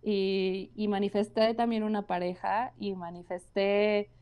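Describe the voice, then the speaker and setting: A woman's voice: mid-range voice, level tone, unhurried, darkish tone, smooth. A woman with a Mexican Spanish accent talking casually and earnestly about her own experience, with lots of fillers. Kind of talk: casual conversation.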